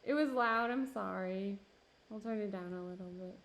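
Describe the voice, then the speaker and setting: This young woman from the Minneapolis–Saint Paul area streams pottery from her home studio, chatting casually with her viewers as she works, full of fillers and laughter. Her voice is mid-range and fairly bright at a moderate pace, though it's starting to give out.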